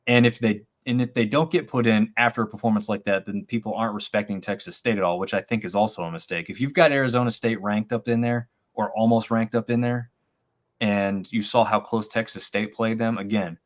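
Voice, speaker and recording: A man co-hosting a live sports chat stream, his voice sitting a little low. He rambles in an animated way, circling back and restarting his thoughts. He comes through a remote call setup. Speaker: sports podcast co-host. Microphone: remote video-call stream.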